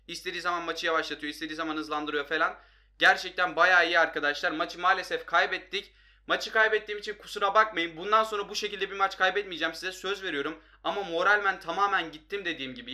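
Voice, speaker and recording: A young man giving excitable, frustrated live commentary on his football video game, talking straight to his viewers. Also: fairly high pitch. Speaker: gaming youtuber.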